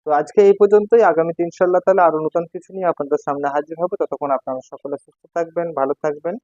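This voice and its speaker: A man with a slightly high voice gives a patient recitation lesson, spelling letters slowly and repeating syllables. The sound is dry and a bit dull, like a lo-fi recording. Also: fairly even intonation, darkish tone, no room sound. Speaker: Quran recitation teacher.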